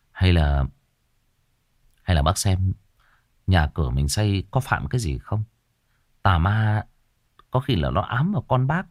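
A man narrating a ghost story in a dramatic, lively way. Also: on the low side, no echo, clean studio sound.

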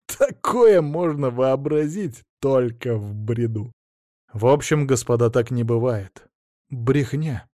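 A man voicing a calm, ironic police detective, polite and dry in an audiobook. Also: medium pitch, takes it slowly, no echo. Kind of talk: audiobook character voice.

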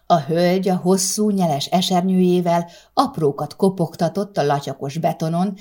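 A woman narrating a short story in a calm, measured reading voice. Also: low voice. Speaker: audiobook narrator.

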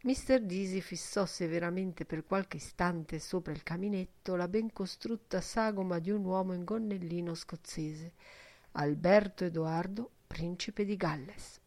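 A woman narrating a literary audiobook in a measured, deliberate way. She reads very slowly, with a somewhat low voice. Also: a little mellow, no echo. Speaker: audiobook reader.

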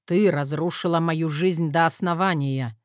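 A woman voicing a hoarse, gruff young man who grumbles wearily in an audiobook. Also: sits low, measured pace, dry recording, clean studio sound. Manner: grumbling, weary.

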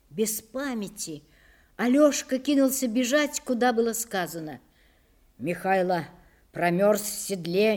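A woman narrating a historical audiobook with expressive storytelling. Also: lowish voice.

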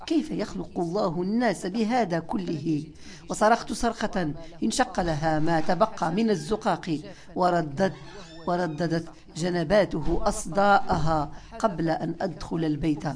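A woman narrating a literary audiobook in the first person, with a measured, expressive reading. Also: fairly low pitch.

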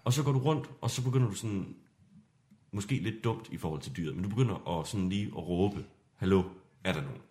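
A man hosting a podcast as game master, narrating an improvised adventure in a hushed, suspenseful way. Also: fairly low pitch.

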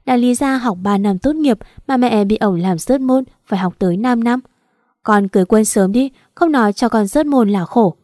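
A woman's voice: on the high side, normal speed, dark tone, no echo, studio quality, lightly acted. A woman voicing a talkative, fussing middle-aged mother-in-law in a read-aloud story. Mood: chatty. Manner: chatty, fussing, laughing easily.

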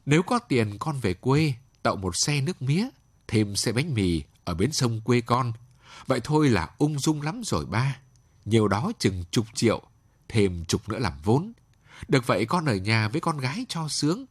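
A husky, blunt young woman dancer speaking in a lively, swooping voice, as a male storyteller puts her on. She sounds tired of her hard life and talks frankly, with a close, dry sound. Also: mid-range voice, moderate pace, no echo. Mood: weary frank.

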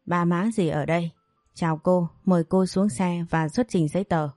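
A stern traffic policeman, curt and all business, from a spoken storybook, as a woman plays him. His voice is low and dark, dry and close, with soft music underneath. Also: fairly even intonation, moderate pace, dry recording, natural voice.

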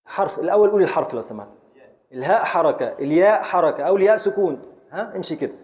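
A man's voice: fairly high pitch, expressive, rapid-fire, darkish tone. Brief: Egyptian Arabic male scholar, raised voice, drilling students on poetic meter in class. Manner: quizzing students, scanning verse syllable by syllable. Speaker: Islamic scholar teaching Arabic grammar and prosody. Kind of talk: classroom lesson.

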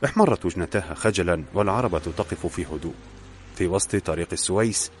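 A man narrating a romantic story aloud in a steady, measured reading. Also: sits low, slight background noise. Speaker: audiobook narrator. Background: soft music.

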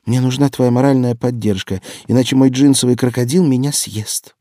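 Guy doing a young woman detective, eager and pleady, higher than his own low voice, dry studio sound. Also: animated, a little fast, dark tone, dry recording, close to an everyday voice. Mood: pleading. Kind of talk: audiobook character voice.

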